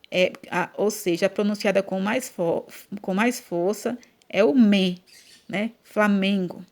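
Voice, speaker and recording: A woman with a Brazilian Portuguese accent and a slightly high voice teaches children a grammar lesson. She speaks patiently, stretching out the syllables as she chants example words.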